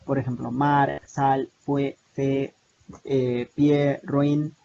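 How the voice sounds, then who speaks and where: A young man with a Salvadoran Spanish accent teaches an online class over slides, speaking in a mid-range, dark, level voice with vocal fry. He explains very slowly and steadily, with many hesitations and restarts. The video call mic gives a muffled, lo-fi sound with faint noise.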